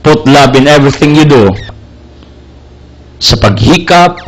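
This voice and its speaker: A young man delivers a heartfelt sermon. He speaks slowly and deliberately in a fairly high voice, pressing each point with emphasis. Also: lively intonation. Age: young adult. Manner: earnest, emphatic, mixing English into his preaching. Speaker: preacher.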